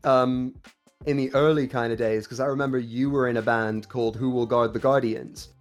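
A man's voice: mid-range voice, steady tone, moderate pace, soft background music. A young man from Kuwait, a band singer, chatting casually as a podcast guest and reminiscing. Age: young adult.

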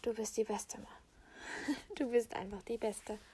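Excitable high-voiced young woman. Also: measured pace, husky. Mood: gushing. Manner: gushing, breathless and excitable. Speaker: diary narrator and lead character. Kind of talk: amateur role-play voice-over.

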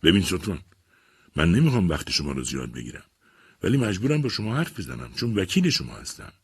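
A man's voice: low-pitched, sing-song, creaky, breathy edge, dry recording, clean studio sound, voice pushed up, exaggerated voice. A man voicing a persistent army captain who acts as a defense lawyer, speaking firmly, insistently and patiently.

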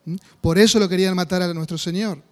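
A man's voice: high voice, fairly even intonation, quick pace, a little mellow, big-room sound. A man, a pastor with a Rioplatense Spanish accent, teaching a sermon-style Bible class and earnestly checking in with the congregation. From Argentina. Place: church hall.

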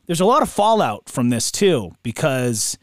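A man's voice: mid-range voice, big pitch swings, a little slow, no echo, clean studio sound. A man chatting casually about sports as a podcast co-host, with slangy bro talk.

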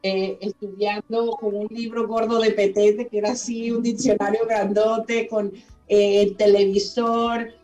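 A woman hosting a radio talk show, chatting casually with a guest, effusive and quick to laugh, with many fillers. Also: mid-range voice, level tone, dark tone, reverberant, far from the mic, faint music behind, poor audio.

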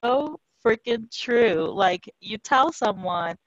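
A woman's voice: fairly high pitch, expressive, slow pace, no echo. A woman co-hosting a podcast, telling a story in casual chat, chatty and laughing. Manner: chatty, laughing, mixes in Spanish quotes. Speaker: podcast co-host. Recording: dull dry lo-fi sound.

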